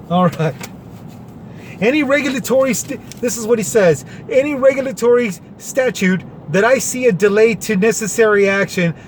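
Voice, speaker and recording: A man whose voice sits high, a commentary vlogger, recites a government order and then spells it out plainly with sarcasm. Some slight background noise comes through.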